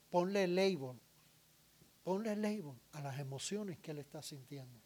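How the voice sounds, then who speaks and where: Slow, deliberate man giving a talk. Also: on the high side, a little mellow. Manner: deliberate, lists items one by one; asks the audience questions and answers them. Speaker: speaker addressing an audience. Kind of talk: public talk on parenting.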